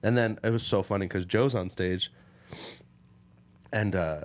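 A man's voice: fairly low pitch, measured pace. A man hosting a podcast, chatting casually and acting out the people in his stories. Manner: animated storyteller, acts out quoted people. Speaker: podcast host. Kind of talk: casual chat.

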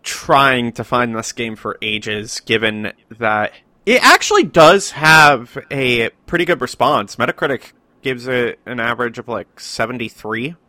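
A man's voice: medium pitch, expressive, measured pace, sharp tone, dry recording. A man hosting a casual podcast, explaining facts with small restarts. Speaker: podcast host.

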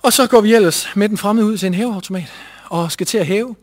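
A man telling a personal story on stage, lively and animated, acting out the quotes. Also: high-pitched. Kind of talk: live storytelling.

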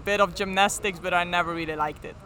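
A woman's voice: on the low side, steady tone, fast, fairly bright tone, a little hiss or hum. A woman in her twenties from Belgium with a Flemish accent, a native Flemish speaker, talking informally in an interview with lots of "like". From Belgium, near Ghent. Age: 20s. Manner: frequent "like" as filler, informal. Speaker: professional basketball player being interviewed. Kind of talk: casual interview chat.

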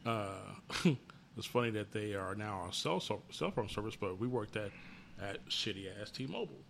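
Guy cohost on a podcast, bright voice, swears a lot, laid back storytelling. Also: lowish voice, expressive, moderate pace, creaky, a little hiss or hum. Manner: storytelling, swears freely, laughs while telling. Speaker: podcast co-host. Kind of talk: casual chat.

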